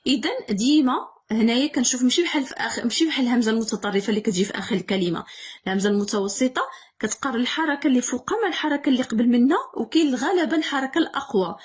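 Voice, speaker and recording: Woman, Moroccan accent, teacher, quick, slightly high, repetitive questioning. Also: breathy edge. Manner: repeats key words, asks and answers own questions. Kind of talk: exam correction lesson.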